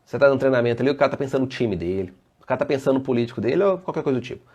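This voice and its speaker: A man's voice: medium pitch, lively intonation, racing, darkish tone, muffled recording. Brazilian man giving a casual live talk. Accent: Brazilian Portuguese. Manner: casual and conversational, often answers viewer comments. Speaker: safety engineer and trainer. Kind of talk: live online presentation.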